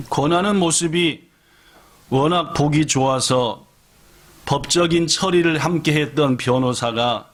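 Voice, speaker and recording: A man, a pastor, telling a story in a sermon and asking the audience questions as he goes. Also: medium pitch.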